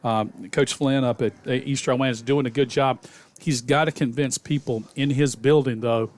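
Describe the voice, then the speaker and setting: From a stadium press box, a man provides color commentary for a high school football radio broadcast, folksy and rambling with plenty of fillers. His tone is steady and somewhat dark, and his pace is moderate.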